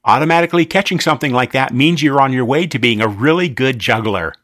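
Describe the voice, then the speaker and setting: A man voicing an eager, excitable young boy in a storybook reading. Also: medium pitch, fast talker, no room sound, studio quality, natural voice. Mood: arguing.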